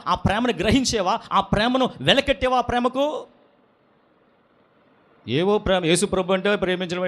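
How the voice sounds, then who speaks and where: A man pastor preaching a sermon, asking his congregation question after question and swinging between loud and soft delivery. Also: high voice.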